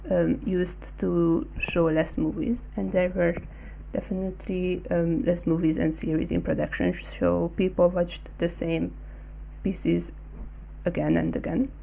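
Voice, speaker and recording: A young woman from Hungary chats slowly and hesitantly, filling gaps with ums. Her voice is low, mellow and gravelly, with a dark tone. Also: low-quality recording. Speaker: podcast co-host. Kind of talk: casual discussion.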